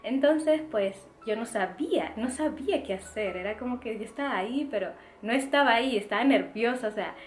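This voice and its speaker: A young woman with a slightly raised voice tells a chatty, expressive story with plenty of fillers. Her is clear, the room sounds echoey, and soft music plays underneath. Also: on the high side, a little fast, hardly any pauses. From Dominican Republic. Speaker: vlogger. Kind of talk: casual storytime.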